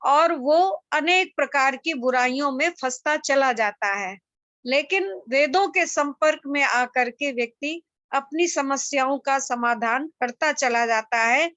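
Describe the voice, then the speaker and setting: Slow, bright-voiced woman giving a religious discourse. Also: high voice, no echo. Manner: slow, emphatic explanation with repeated examples. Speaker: Vedic religious speaker.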